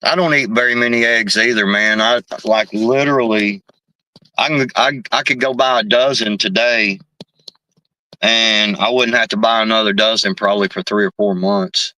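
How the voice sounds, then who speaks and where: A man's voice: lowish voice, steady tone, normal speed, bright, forceful tone. Profane man chatting on a live stream. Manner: loose and profane, says "man" and "bro" constantly. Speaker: livestream host reading chat. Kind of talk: casual live-stream chat.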